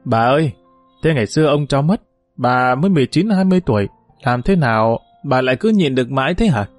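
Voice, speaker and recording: Cheeky loud young village girl talking back, guy reading, bouncy pitch, dry close sound. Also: expressive, fast talker, no room sound, faint music behind, close to an everyday voice. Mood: teasing. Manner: blunt, cheeky, talking loudly. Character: bold, outspoken young village woman.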